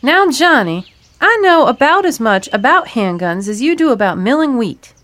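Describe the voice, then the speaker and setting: A man's voice: extremely high pitch, sing-song, moderate pace, a bit bright, voice pushed up, full character voice. A man voicing a sassy, folksy woman who knows a great deal about guns. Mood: knowing, folksy.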